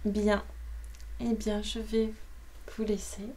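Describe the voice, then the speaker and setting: A woman who reads books aloud, chatting casually at the end of a reading, soft and rambling, sometimes slipping into whispers, at home. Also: medium pitch, completely flat delivery, slow. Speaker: audiobook reader. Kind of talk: casual closing chat.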